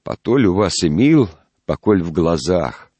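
A man's voice: sits low, very animated, a little slow, dark tone, no echo, heavily acted. A man doing a jealous, bitter young recruit. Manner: trembling, sulky.

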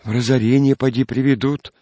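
Soft tearful young peasant girl, put on by a male reader, raised voice, dry close sound, storybook. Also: mid-range voice, steady tone, brisk, no echo, voice pushed up, close to an everyday voice. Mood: anxious pleading.

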